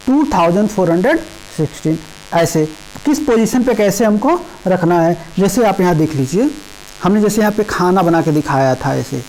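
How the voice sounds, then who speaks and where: A woman teaching a primary school math lesson, explaining place values slowly and repeatedly checking in with the children. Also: lowish voice, mellow, low-quality recording. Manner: slow, repetitive explaining with frequent "ठीक है" checks. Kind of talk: class 5 math lesson in Hindi with English number words.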